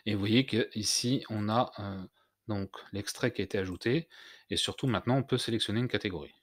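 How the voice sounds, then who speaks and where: Hesitant low-voiced man teaching software. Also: a little fast, no echo, clean studio sound. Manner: hesitant, many "heu" fillers and restarts. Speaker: tutorial host. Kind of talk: screen-recorded software tutorial.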